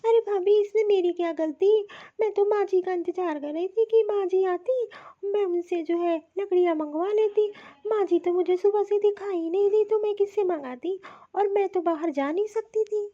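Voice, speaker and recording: A woman's voice: very high voice, moderate pace, hardly any pauses, warm tone, highs cut off. Woman voicing an apologetic young daughter-in-law. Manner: explaining, apologetic.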